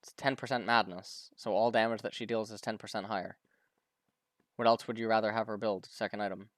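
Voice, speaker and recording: Smooth-voiced man casually co-streaming a match. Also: lowish voice, fairly even intonation, no echo, studio quality. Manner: halting, repeats words, answers chat questions. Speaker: streamer commenting on a pro match. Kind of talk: casual live co-stream commentary.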